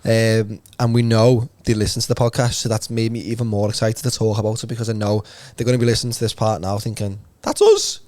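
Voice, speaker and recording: A man, co-hosting a podcast in casual chat and telling stories in an animated way. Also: on the low side, fast, hardly any pauses, no echo. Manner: chatty, animated storyteller. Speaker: podcast co-host.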